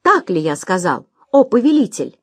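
A woman voicing a bold, defiant male hero in a storybook reading, speaking in loud, ringing proclamations. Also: mid-range voice, big pitch swings, normal speed, husky, no room sound, studio quality. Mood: declaiming.

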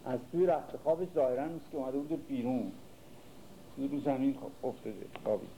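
Male Persian-accented literature teacher, deep mellow timbre, measured recitation then chatty glosses. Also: vocal fry, slight background noise, poor audio. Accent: Persian (Iran). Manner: recites verse slowly, then explains it in casual speech. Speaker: literature lecturer. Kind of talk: lecture on classical Persian poetry.

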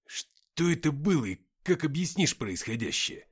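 A man voicing a panicky, foul-mouthed young male writer in an audiobook, with whiny yelling. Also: fairly high pitch, sing-song, moderate pace, slightly rough. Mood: curious. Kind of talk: audiobook character voice.

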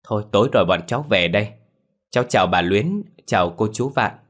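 A man voicing a cheeky young village boy who makes quick excuses. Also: on the low side, lively intonation, a bit bright.

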